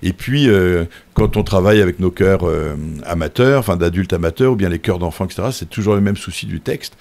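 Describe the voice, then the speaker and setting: A man's voice: low-pitched, a little fast, vocal fry. A man, a composer and choir leader, talking casually and animatedly, sometimes singing short example phrases. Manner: animated explainer who sings example phrases. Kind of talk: casual conversation.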